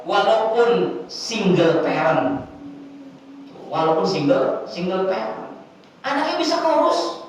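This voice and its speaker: A man giving a humorous, animated religious lecture to a congregation, acting out little scenes as he goes. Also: high voice, slight background noise. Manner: animated, jokey, acts out scenes. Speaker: preacher. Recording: echoey hall from far off with faint ambience.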